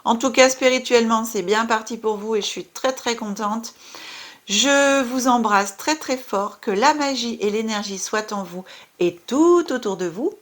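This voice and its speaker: A woman's voice: on the high side, measured pace. A woman with a French accent giving a casual spiritual card reading, chatty and full of fillers. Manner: warm, chatty, many fillers and asides. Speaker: tarot card reader.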